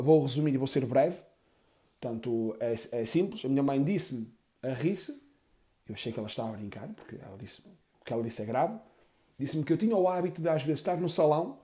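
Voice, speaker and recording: A man doing stand-up storytelling, crude and rambling with deadpan asides. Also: on the high side. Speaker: comedian.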